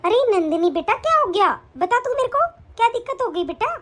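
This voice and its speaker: A woman plays a doting middle-aged mother in a cartoon story who soothes her grown daughter. Her voice is very high and gentle in manner. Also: big pitch swings, a little fast. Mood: indulgent. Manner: soothing, indulgent.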